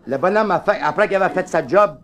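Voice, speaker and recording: A man telling bawdy tavern jokes with brisk punchlines and asides to the ladies. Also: high-pitched, noisy background. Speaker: stand-up comedian.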